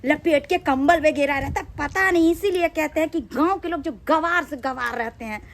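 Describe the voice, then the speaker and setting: A woman's voice: sits high, normal speed, a little hiss or hum. A woman playing a snobbish, arrogant aunt from the city who looks down on her village relatives, haughty and scornful in a comedy skit. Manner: haughty, scornful, whiny when crossed.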